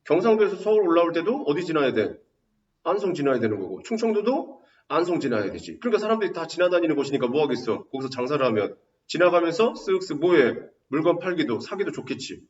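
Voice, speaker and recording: A man's voice: fairly high pitch, very animated. Man, teacher, lecture, rhetorical questions, distant mic, roomy, muffled. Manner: quizzing students with quick rhetorical questions. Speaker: high school Korean teacher.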